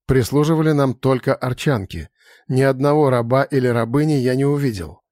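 A man with a mid-range voice reads a first-person fantasy story in a steady, conversational way. The sound is dry and close, with no room around it. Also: mid-range voice, a little fast, no echo. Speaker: audiobook narrator.

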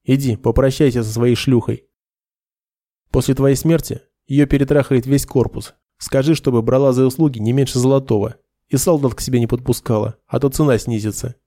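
A man's voice: medium pitch, steady tone, fairly quick, dark tone, dry recording, studio quality, close to an everyday voice. A man voicing an arrogant, hot-headed young noble lieutenant who talks with haughty scorn. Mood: cold, scornful. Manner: hissing, haughty.

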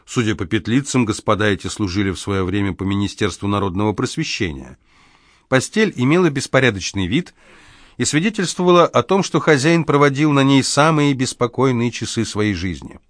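A male narrator reads a novel aloud in an even, measured way, at a mid-range pitch. The recording is close and dry, with no room echo. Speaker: audiobook narrator. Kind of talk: scripted narration.

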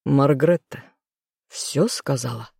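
An audiobook reader voicing a weary, stern king who speaks calmly and condescendingly. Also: medium pitch, takes it slowly, gravelly, husky, no room sound, studio quality, exaggerated voice. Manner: calm, condescending, firm. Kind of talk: audiobook role reading.

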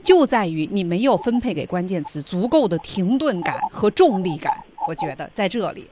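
A woman's voice: mid-range voice, big pitch swings, normal speed, noisy background. Woman co-host summing up a lesson. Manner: sums up the lesson, agrees with short interjections. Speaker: radio co-host. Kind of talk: radio lesson chat.

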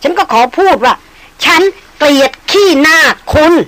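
A woman voicing a haughty young woman, the employer's sister, shrill and scornful in her anger. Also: animated, normal speed, fairly bright tone, rough recording. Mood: indignant.

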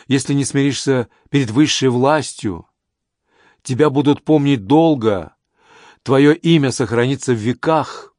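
A man's voice: medium pitch, darkish tone, no room sound, studio quality, natural voice. A man voicing a fanatical, humble Essene preacher who pleads and insists with fervor. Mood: solemn warning. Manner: pleading, rising to ecstatic insistence. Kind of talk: audiobook character reading.

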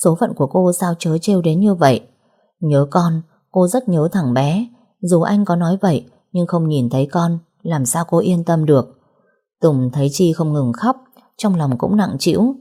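A woman narrating a romance audiobook in a steady storytelling manner. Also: lowish voice, normal speed, slightly rough.

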